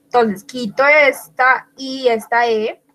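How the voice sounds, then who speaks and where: A woman's voice: fairly high pitch, steady tone, takes it slowly, pushed and bright, poor audio. A woman teaching an English grammar class in Spanish, spelling out words letter by letter and praising her students by name. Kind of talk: online class explaining grammar.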